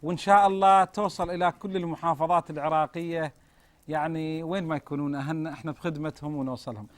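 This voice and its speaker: High-voiced, quick-talking Iraqi male TV host. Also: steady tone, no echo. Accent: Iraqi Arabic. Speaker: television host. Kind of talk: presenting and interviewing.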